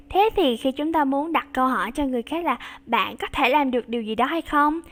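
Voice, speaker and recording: A young woman teaching English to children. She models short English phrases slowly and explains in Vietnamese, with warm encouragement. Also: sits high. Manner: slow, bright and encouraging with young learners.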